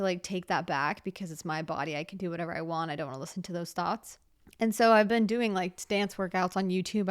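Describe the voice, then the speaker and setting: A young woman talks through her solo podcast in a loose, rambling way, full of fillers and restarts. Her voice is smooth and clean, sitting at an ordinary pitch for a woman. When she gets reflective, she trails off into softer, quieter phrases. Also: no echo, clean studio sound. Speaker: podcast host. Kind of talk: casual solo podcast chat.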